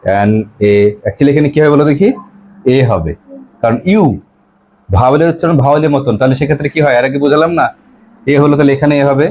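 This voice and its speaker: A male teacher, taking a grammar class. He asks his pupils questions over and over and repeats their answers back. He reads the English example sentences slowly and carefully. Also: on the high side, a little mellow, slight background noise. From West Bengal, India.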